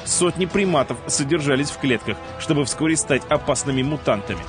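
A man's voice: on the high side, lively intonation, brisk. A man reading dramatic scripted narration as the narrator of a TV countdown show. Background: music.

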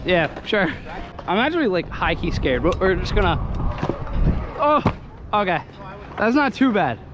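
Excitable young man, high voice, noisy outdoors. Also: measured pace. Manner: excitable, swears, laughs at himself. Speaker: scooter rider filming himself. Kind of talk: casual self-filmed vlog commentary. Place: outdoor skatepark. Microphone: action camera on handlebars. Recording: noisy outdoor camera audio.

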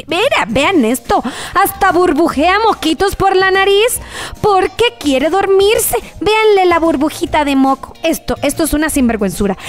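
High-voiced woman playing a fussing mom. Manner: theatrical, exclamatory, addresses viewers directly. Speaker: gaming channel host. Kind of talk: gameplay commentary with mother role-play.

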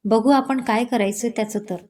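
A woman's voice: a little high, fairly even intonation, normal speed, a little mellow, close to an everyday voice. A woman voicing a teasing, outspoken young woman who is a loyal friend, in a storybook reading. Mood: angry. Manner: playful then indignant.

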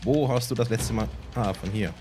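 Over game music and some background noise, a man with a lowish voice plays through a let's play at a moderate pace. He muses aloud, talks to himself and pokes fun at himself as he goes.

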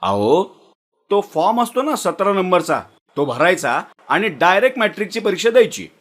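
An actor playing a patient male office superior who calmly explains things. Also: high voice, moderate pace.

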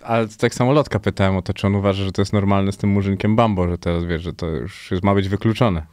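Relaxed interviewer man, dry sound. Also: low voice, fast, no echo. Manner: relaxed, hesitant with "jakby" fillers, swears at times. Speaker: interviewer host. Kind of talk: casual interview chat.

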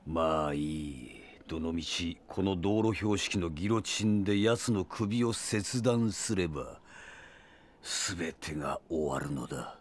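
A man voicing an arrogant, sadistic male vampire villain in an audio drama, with theatrical, menacing, drawn-out delivery. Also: deep voice. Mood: cold, gloating. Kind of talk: Japanese anime-style audio drama acting.

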